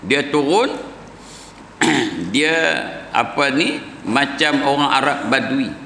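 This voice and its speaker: A man's voice: mid-range voice, expressive, pushed and bright, a little hiss or hum. Malaysian Malay man teaching in echoey mosque. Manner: conversational, asks the audience questions and answers himself; chants Arabic phrases slowly. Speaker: religious teacher. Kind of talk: mosque lecture. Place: mosque hall.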